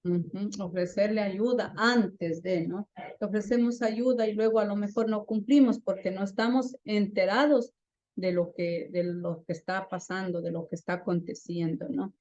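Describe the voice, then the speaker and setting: Dark-toned woman teaching a class. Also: mid-range voice, fairly even intonation, normal speed, dry recording, lo-fi sound. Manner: asks the class frequent questions, adds "¿no?" often. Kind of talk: classroom lesson.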